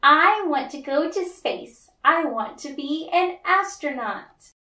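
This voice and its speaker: A woman's voice: high-pitched, animated, takes it slowly, bright, forceful tone, pitched above the performer's own voice, full character voice. A woman voicing a hopeful, earnest, dreamy little girl in a children's storybook. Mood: determined. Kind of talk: children's storybook read-aloud. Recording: roomy, echoey, distant mic.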